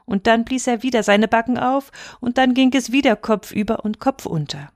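A woman reading a fairy tale aloud in a calm, expressive way, sometimes dropping to a hush. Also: a little high, moderate pace, dry recording, studio quality. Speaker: storyteller.

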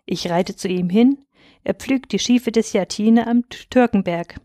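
A woman's voice: medium pitch, dark tone, no echo, studio quality, natural voice. A woman reading aloud, voicing a timid male village elder who speaks hesitantly. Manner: hesitant, halting.

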